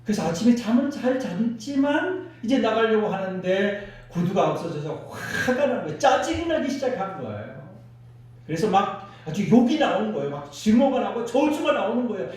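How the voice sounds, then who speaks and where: Animated Korean pastor preaching in echoing hall. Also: male voice, high-pitched, normal speed, distant mic. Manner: animated preaching with acted quotes, calls for congregation responses. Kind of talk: sermon. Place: church sanctuary. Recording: echoey church hall, mic from afar.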